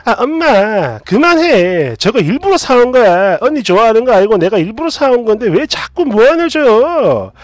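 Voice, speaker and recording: A woman's voice: on the high side, big pitch swings, moderate pace, few pauses, dry recording. A woman doing a pleading young sister-in-law.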